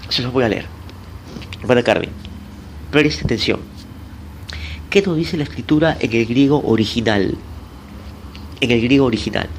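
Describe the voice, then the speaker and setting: Slow, deliberate male pastor teaching. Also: mid-range voice, a little hiss or hum, poor audio. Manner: slow, deliberate, spells out Greek words letter by letter; addresses listeners directly, asks and answers own questions. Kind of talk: Bible teaching sermon.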